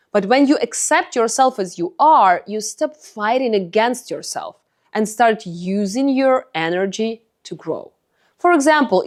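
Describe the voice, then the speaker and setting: A woman giving a motivational self-help talk, speaking earnestly and directly to the viewer as a coach. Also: medium pitch.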